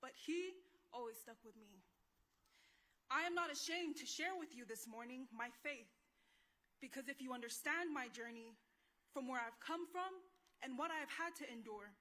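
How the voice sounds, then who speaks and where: A woman's voice: sits high, sharp tone. A woman from American Samoa, a graduating student, giving a fervent commencement speech. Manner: fervent, declamatory.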